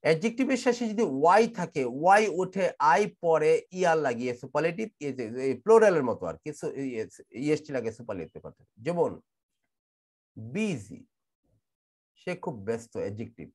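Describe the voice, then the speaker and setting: A man from Bangladesh with a Bangladeshi accent teaching English grammar in an online class, explaining rules slowly and repeating and spelling out words. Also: on the high side, big pitch swings. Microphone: computer mic in an online class.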